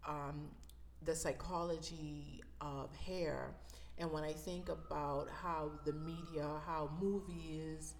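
A woman's voice: low-pitched, slight background noise. A woman in her thirties from the Bahamas, hosting a podcast and telling personal stories in a reflective, conversational way. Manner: reflective, conversational, with fillers and laughs. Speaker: podcast host. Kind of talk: personal storytelling monologue.

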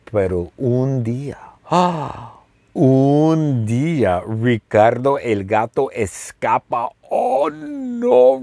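A man telling a simple story slowly and playfully, repeating phrases and asking the listener questions. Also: medium pitch, a little mellow, slightly rough, no room sound. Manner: playful, with sound effects. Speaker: storyteller for language learners. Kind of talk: slow, simple storytelling with lots of repetition.

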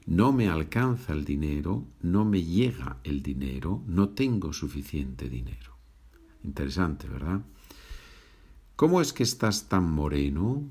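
A man teaching in a podcast lesson from home, speaking slowly and repeating each phrase, then switching to English to explain it. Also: rumbling low, a little mellow, breathy edge. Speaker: language teacher.

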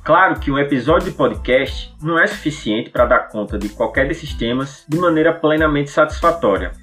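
Bright-voiced man hosting a podcast. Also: on the high side, expressive, moderate pace, soft background music. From Natal, northeastern Brazil. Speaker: podcast host. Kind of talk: scripted podcast monologue.

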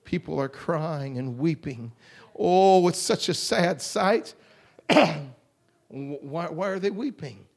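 A man preaching a fervent holiness sermon, rhythmic and drawling, often clearing his throat. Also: on the high side, expressive, slow pace, darkish tone. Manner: fervent, rhythmic, drawling with repeated call-outs.

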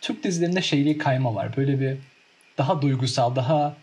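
A young man chatting casually and telling stories in a lively way, acting out scenes with mimicked sounds. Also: medium pitch, fast talker. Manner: animated storytelling, acts out scenes with mimicked sounds. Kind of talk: casual chat.

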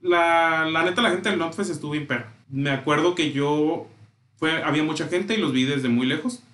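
A man's voice: fairly high pitch, moderate pace, fairly bright tone. Slangy Mexican man, echoey room. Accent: Mexican Spanish. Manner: enthusiastic, slangy storytelling. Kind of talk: casual chat.

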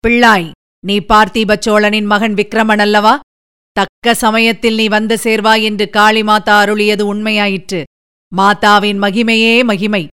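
Villain: a woman doing a domineering male sorcerer priest, booming and commanding, smooth clear voice, storybook reading. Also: flat delivery, a little slow, a bit bright, natural voice. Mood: solemn, commanding.

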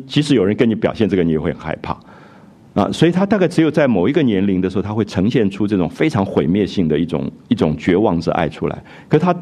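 A man's voice: lowish voice, dark tone. A man giving a storytelling lecture on a classic novel, retelling its scenes and musing aloud about them.

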